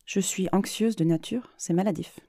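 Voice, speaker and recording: A woman's voice: fairly low pitch, normal speed, creaky, mellow, breathy edge, no room sound, clean studio sound. A woman reading the part of an anxious, shy young woman who confides her fears hesitantly to a therapist. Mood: anxious confiding. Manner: hesitant, self-doubting confiding.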